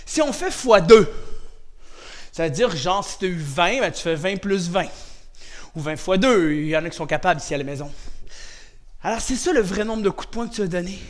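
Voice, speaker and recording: A middle-aged man with a Quebec French accent, coaching children through a karate class, shouting drill commands and counting aloud, then explaining gently and laughing often. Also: high voice. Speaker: karate instructor. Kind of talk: energetic online kids' martial arts class.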